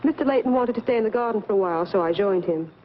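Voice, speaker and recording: An actress playing a gentle, composed, grieving young woman in 1940s B-movie style. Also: mid-range voice, expressive, rapid-fire, crowd noise, close to an everyday voice. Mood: soft, composed. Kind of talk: 1940s B-movie film acting. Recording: muffled, noisy vintage film soundtrack.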